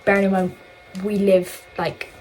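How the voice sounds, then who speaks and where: A woman's voice: mid-range voice, flat delivery, measured pace, darkish tone, a little hiss or hum, rough recording. A young woman from England chatting casually while getting ready at home, rambling through a night-out story with lots of fillers and quoted dialogue. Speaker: vlogger.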